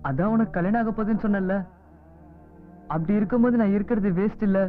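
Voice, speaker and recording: A man's voice: high-pitched, quick pace, close to an everyday voice. An actor playing a desperate, lovesick young man who begs in a film drama. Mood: pleading. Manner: pleading, desperate. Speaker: film character. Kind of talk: Tamil film drama acting. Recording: tinny lo-fi film audio with music.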